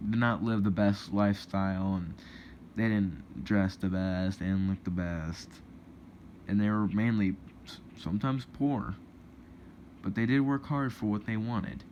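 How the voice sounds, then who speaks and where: A man's voice: fairly low pitch, a little slow, a little mellow. A young man ranting indignantly to camera in a rambling vlog, with many restarts. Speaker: vlogger. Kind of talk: casual opinion rant to camera. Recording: dull lo-fi with faint noise.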